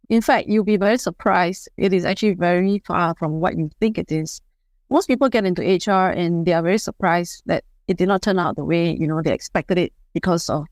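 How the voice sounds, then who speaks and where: A woman in her fifties from Singapore, speaking as a guest in a podcast interview, measured and advisory, often saying "you know". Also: on the low side, darkish tone, no room sound. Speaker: guest, HR leader and board member.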